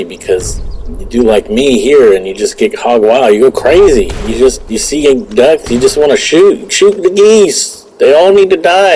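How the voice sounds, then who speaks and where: A man's voice: on the low side, dark tone, a little hiss or hum, poor audio. A man giving casual, rambling commentary over a hunting video game, often restarting his words. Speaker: gaming channel host.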